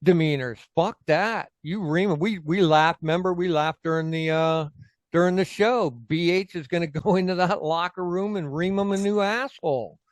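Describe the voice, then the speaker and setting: A man's voice: sits high, normal speed, dry recording. A man co-hosting a casual sports podcast, swearing freely and venting as a frustrated fan. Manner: profane, heated, fan ranting. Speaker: co-host.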